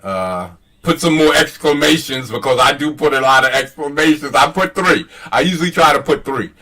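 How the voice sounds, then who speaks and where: A man's voice: fairly high pitch, moderate pace, sharp tone, distant mic. A man hosts a casual, rambling commentary on online exchanges in a mocking, profane manner. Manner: mocking, profane, chuckling at his own jabs. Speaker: host.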